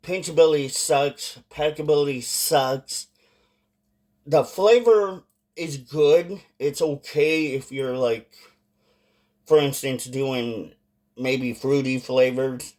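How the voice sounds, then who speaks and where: Guy doing a casual review vlog, mid pitched voice, talks real slow and kinda halting. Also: darkish tone. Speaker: product reviewer.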